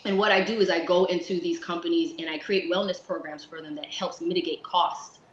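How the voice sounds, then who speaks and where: A woman in her thirties from South Florida, chatting as an interview guest in a lively way, laughing often and restarting her sentences. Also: on the low side, brisk, slight background noise. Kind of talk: casual interview chat. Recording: echoey lo-fi room.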